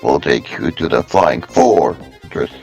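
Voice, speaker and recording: A deep, booming robot voice, put on by a man. It speaks very slowly in a heavily gravelly, crackling tone, with a swooping rise and fall. Faint music plays behind it. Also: very animated, darkish tone, exaggerated voice. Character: slow booming male robot. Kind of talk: casual chat on a stream.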